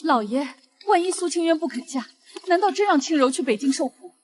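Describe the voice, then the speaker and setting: A woman's voice: high-pitched, expressive, fairly quick, darkish tone, a little hiss or hum. An actress playing a scheming, vicious middle-aged stepmother of a noble house in a theatrical costume drama. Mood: anxious scheming. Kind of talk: Chinese costume short-drama acting.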